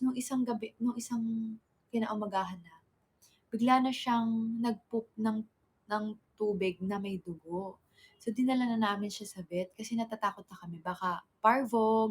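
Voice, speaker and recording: A woman's voice: mid-range voice, rough recording. A woman, chatting on a livestream, rambling through a story with many fillers and self-corrections and reading out viewer comments. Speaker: livestream host.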